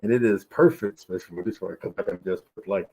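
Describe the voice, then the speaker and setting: A man's voice: low voice, fast talker, mellow, highs cut off. A man streaming a casual movie review, talking through a face mask that muffles his voice, rambling with many fillers. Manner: rambling, heavy use of fillers like "you know" and "right here".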